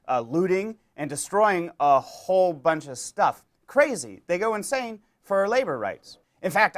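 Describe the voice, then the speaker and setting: A young adult man hosting a mock-educational comedy monologue, rambling and deadpan with many fillers. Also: on the high side. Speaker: comedy show host.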